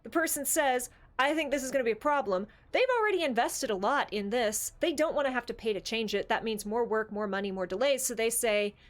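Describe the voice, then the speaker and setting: A podcast co-host talks a little fast and a little high, barely pausing as she makes her case. She is casual but emphatic, and the show is an opinionated, easygoing chat.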